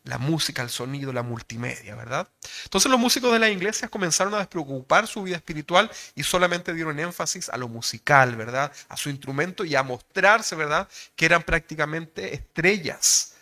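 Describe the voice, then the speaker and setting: A man's voice: fairly high pitch, animated, fairly quick, pushed and bright. A man with a Chilean accent preaching a sermon in a conversational way, checking in with rhetorical questions after nearly every phrase. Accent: Chilean Spanish.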